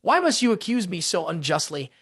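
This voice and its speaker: A scheming female senior disciple from a fantasy story recap, sweet on the surface and falsely innocent, as a man reads her lines, high and lively in pitch. The sound is dry and close. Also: a little fast, no echo, heavily acted.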